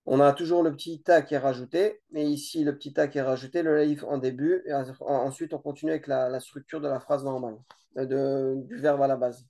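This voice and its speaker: Hesitant teacher explaining grammar slowly. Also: mid-range voice, steady tone, mellow. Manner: explains slowly, repeats words, many hesitations. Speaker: Arabic teacher. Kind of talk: informal grammar lesson.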